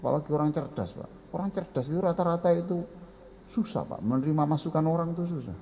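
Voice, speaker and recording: Javanese-accented guy giving a sermon, kinda high gravelly voice, talks straight to the crowd, muffled lo-fi recording. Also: quick pace, a little hiss or hum. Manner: folksy, mixes in Javanese phrases and addresses listeners directly. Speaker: Islamic preacher.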